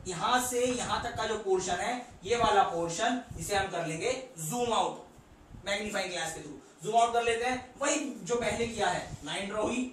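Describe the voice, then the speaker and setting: A man's voice: high-pitched, slight background noise. A male maths teacher, explaining a problem step by step and counting aloud as he draws on the board. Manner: explains step by step, counts along while drawing, asks rhetorical questions. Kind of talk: whiteboard math lesson. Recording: echoey room from far off.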